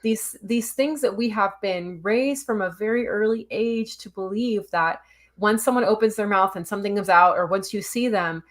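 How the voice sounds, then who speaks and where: A woman's voice: medium pitch, normal speed. A woman from California co-hosts a podcast in casual conversation. She speaks frankly and emphatically, driving her points home with plain, direct phrasing. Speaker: podcast co-host.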